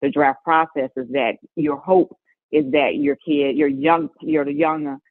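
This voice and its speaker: A middle-aged woman being interviewed, telling stories in a lively way and laughing often. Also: deep voice, slow, dry recording. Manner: lively storytelling with frequent laughs. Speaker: guest, mother of an NBA player. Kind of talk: conversational interview storytelling. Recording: tinny phone-line audio, dry.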